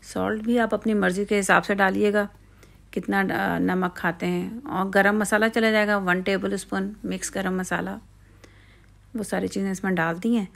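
A woman's voice: medium pitch, fairly even intonation, moderate pace, gravelly, fairly bright tone. A woman hosting a home cooking channel, explaining each step in a chatty, casual way with frequent fillers, cooking outdoors at night.

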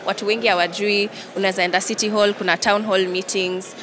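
A young woman with a Kenyan accent talks quickly in a mid-range voice with little pitch movement, fielding an on-the-spot interview from reporters with handheld mics. Set in a big indoor event hall, she alternates English and Swahili while the busy crowd is clearly heard behind her.

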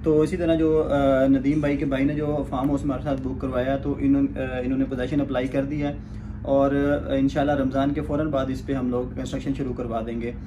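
A man in his thirties with a Pakistani Urdu accent hosts a real estate video from a small office, giving a promotional interview and sales pitch. His mid-range voice stays level and runs a little fast, polite and formal but dotted with hesitant fillers. There's noise in the background.

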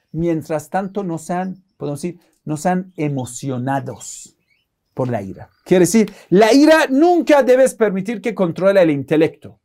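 A man's voice: high-pitched, darkish tone. A man giving a religious lecture, preaching emphatically and rising sharply on key words, with Arabic verses recited in a chanting tone.

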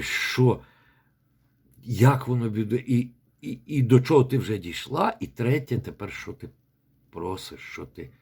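Gravelly low-voiced man giving feedback. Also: darkish tone. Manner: rambling, repeats words while demonstrating. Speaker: recitation coach. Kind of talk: spoken feedback voice message.

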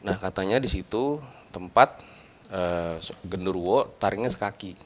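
Low-voiced man telling a ghost story. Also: moderate pace. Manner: animated, acts out quoted voices. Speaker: guest storyteller. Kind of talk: casual storytelling chat.

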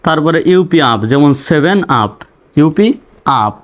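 A man with a Bangladeshi accent teaching English phonics, spelling out letters and then sounding each word in slow, patient drills. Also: on the high side, lively intonation.

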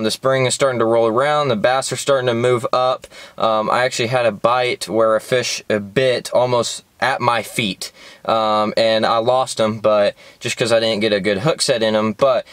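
A man's voice: mid-range voice, steady tone, normal speed, fairly bright tone, smooth, no room sound. Chatty young man in his car. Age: young adult. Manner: chatty, rambling, many fillers. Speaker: fishing vlogger. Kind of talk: casual vlog commentary. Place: parked car interior.

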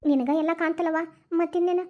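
A woman's voice: extremely high pitch, steady tone, quick pace, lo-fi sound. A woman voicing a grieving old mother-in-law in a cartoon, plaintive, in a Dharwad Kannada accent. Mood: sorrowful. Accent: North Karnataka Dharwad Kannada. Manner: lamenting, plaintive dialect storytelling. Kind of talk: cartoon voice acting.

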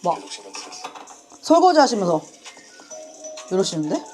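A woman hosting a reaction video, chatting casually with quick asides and frequent apologies. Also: medium pitch, sing-song, darkish tone, soft background music.

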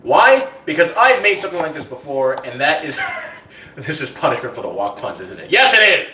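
Male stream host, teasing and jokey, lively pitch, roomy kitchen sound. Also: brisk, slight background noise. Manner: teasing, jokey, greets chat viewers. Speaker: host of a cooking live stream. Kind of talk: casual joking chat on a live stream. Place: home kitchen.

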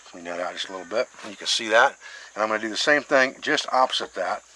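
A middle-aged man gives a hands-on bushcraft lesson outdoors, walking through each cut in plain, practical words. His voice is bright and forward. Soft background noise sits under the camera-mic sound. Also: fairly low pitch, quick pace, poor audio. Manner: plain, step-by-step explaining while carving. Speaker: bushcraft instructor. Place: outdoors, working on a wooden board.

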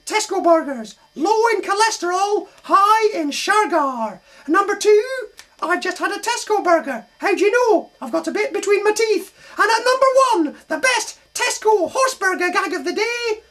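An absurdly high, squeaky falsetto with a Scottish accent. It is a cheeky, excitable sock puppet in a comedy double act. The delivery is silly patter built on setups and punchlines. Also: male voice, moderate pace.

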